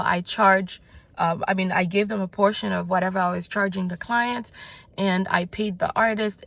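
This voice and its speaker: A woman's voice: medium pitch, creaky, a bit bright, slight background noise. A woman who grew up in the United States, talking in a motivational vlog as a business coach. She is blunt and swears casually, rambling loosely with lots of fillers and restarts.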